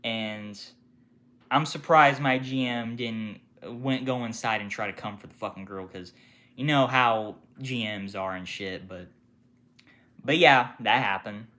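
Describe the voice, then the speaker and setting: Storytime vlogger, retail worker; bright, cutting tone, profane and animated, jumps between loud outbursts and low mutters. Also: a little slow. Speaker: retail worker telling work stories. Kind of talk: casual storytime rant.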